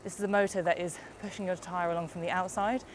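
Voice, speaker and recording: Quick-paced and fairly even in intonation, a lowish-voiced young British woman reviews an e-bike while cycling roads and hills. A summer cold leaves her congested, but she stays chatty and upbeat, explaining as she rides, with faint music behind her casual video.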